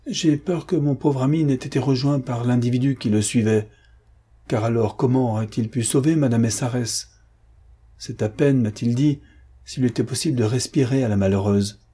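Guy reading as an old man laying it all out, steady, mellow husky voice. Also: mid-range voice, normal speed, natural voice. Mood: worried. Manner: steady, explaining insistently. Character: old man, patient and insistent.

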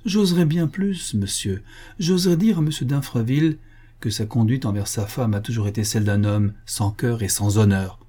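A man reading the part of a resolute seventeen-year-old wife, raising his voice into a lighter, higher register. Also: moderate pace, dark tone, breathy edge, lightly acted. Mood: defiant. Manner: resolute, raised pitch. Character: spirited young wife, seventeen, defiant. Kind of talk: audiobook character reading.

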